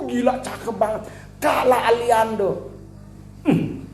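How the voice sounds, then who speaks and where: A man's voice: high voice, echoey room, a little hiss or hum. A man with a Manado accent giving a humorous sermon full of anecdotes, mimicking other people's voices as he tells stories. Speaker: preacher.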